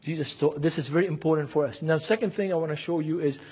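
This seminar preacher comes from Beirut, Lebanon, and has a Lebanese Arabic accent. His voice is a little high, a little mellow and slightly rough, and he talks fast. He is emphatic, acts out dialogue, repeats key phrases and uses rhetorical questions.

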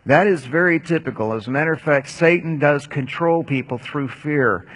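Measured male Bible teacher. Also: fairly high pitch, a bit bright. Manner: measured, explanatory. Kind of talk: lecture answering questions.

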